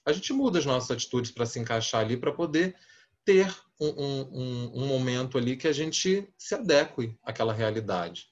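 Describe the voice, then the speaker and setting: Brazilian man, mid-pitched spiritist speaker with a restrained deep voice, casual storytelling manner, dull lo-fi audio. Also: lively intonation, normal speed. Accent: Brazilian Portuguese. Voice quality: deep booming voice held back to a gentler volume. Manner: conversational and anecdotal, acting out quoted exchanges. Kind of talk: talk to a spiritist audience.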